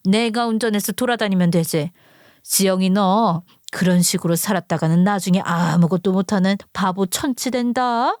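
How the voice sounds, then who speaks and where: A woman's voice: mid-range voice, normal speed, a little mellow, dry recording, studio quality, lightly acted. A woman voicing a hot-tempered middle-aged single mother who scolds harshly in a dramatized story. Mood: furious. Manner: combative, scolding, rough-tongued. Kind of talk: storytelling acting.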